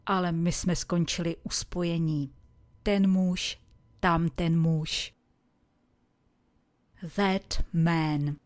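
A woman teaching English in a recorded lesson, saying example phrases slowly and clearly for listeners to repeat. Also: fairly low pitch, little pitch movement, no room sound. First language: Czech. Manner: slow, carefully spoken example phrases for repeating.

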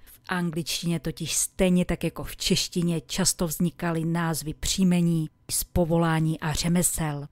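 Lady doing an english lesson, lowish voice, super dry recording, says examples slow and careful. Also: flat delivery, a little mellow, dry recording. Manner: didactic, deliberate enunciation of examples. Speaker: English teacher. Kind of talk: scripted language lesson with slowly repeated example words.

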